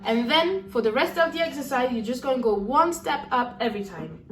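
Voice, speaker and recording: Soft instrument music hums faintly behind a young woman leading vocal exercises in a singing lesson. Her high voice carries some echo, as she's a little distant from the mic. Encouraging and relaxed, she shows lip trills and sung syllables and keeps checking in with her students.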